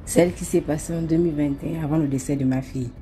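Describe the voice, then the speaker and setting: A woman from Nigeria telling a personal story casually, lively and talking straight to the listener. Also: deep voice, fast, soft background music. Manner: lively, acts out scenes, often addresses the listener. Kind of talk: casual spoken testimony.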